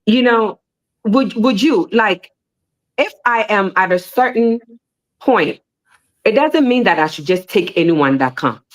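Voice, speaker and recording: Casual and animated, a panel speaker repeats herself as she talks at a measured pace, her pitch rising steeply to mark each point. The recording is rough.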